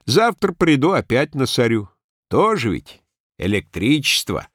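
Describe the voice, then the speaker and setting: A man reading a story aloud and voicing a gruff, stubborn working-class handyman who speaks in rough colloquial phrases. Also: medium pitch, very animated, a little slow, fairly bright tone, no echo, studio quality, pitched above the performer's own voice, exaggerated voice. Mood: offhand. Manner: rough colloquial speech, offhand and cocky. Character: gruff male handyman, crude, stubborn and boastful.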